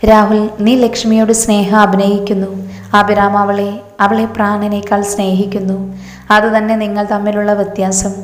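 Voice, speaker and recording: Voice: medium pitch, flat delivery, moderate pace, natural voice. A woman voicing a blunt friend who scolds and speaks the hard truth. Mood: scolding. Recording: echoey hall reverb.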